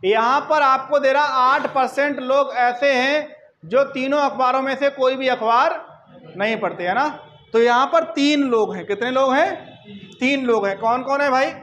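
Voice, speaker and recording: A man teaching an exam-prep math lesson, repeating each point and checking in with quick questions to his listeners. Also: very high voice, sharp tone, low-quality recording.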